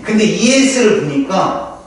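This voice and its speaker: A man's voice: sits high, unhurried, slight background noise. Guy tutoring chemistry, lots of questions to the student, sounds far from the mic. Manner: lively, explaining with rhetorical questions. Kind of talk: informal one-on-one teaching. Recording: echoey room, heard from a distance.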